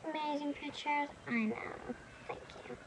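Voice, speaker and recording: With a high voice at a moderate pace, a young woman fools around in front of her webcam in a small room, using face filters and rambling playfully about her looks. The recording is a noisy webcam capture.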